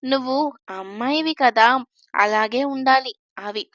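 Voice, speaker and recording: A woman voicing a gentle, bearded grown man who teases kindly and laughs easily. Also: high voice, measured pace, dry recording, dull audio. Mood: gentle amused.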